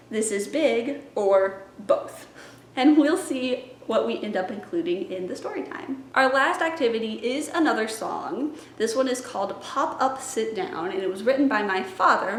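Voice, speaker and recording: With a fairly high voice, a young woman who works as a children's librarian lays out her story time plans for viewers, slipping playfully into songs and chanted rhymes. Faint music plays in an echoey room, and there's a bit of hiss or hum.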